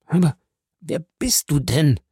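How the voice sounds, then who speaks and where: A man's voice: fairly high pitch, lively intonation, a little slow, dark tone, husky, dry recording, studio quality, pitched above the performer's own voice, full character voice. A man voicing a dying, bitter man who cries out in anguish, reading an audiobook. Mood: bewildered.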